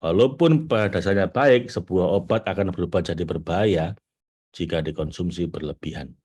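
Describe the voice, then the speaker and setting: A middle-aged man giving a lively spiritual teaching talk to an audience, jumping to high excited bursts and slowing down to read quotes. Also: husky. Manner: animated, rising to high excited bursts, reads quotes slowly. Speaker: spiritual trainer.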